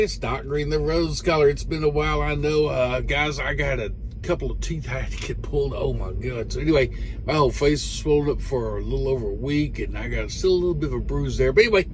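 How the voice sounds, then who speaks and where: A truck driver hosting a casual instructional video explains radio controls in a folksy, hands-on, rambling way, as though one trucker were teaching others. His voice is a little high, with background noise.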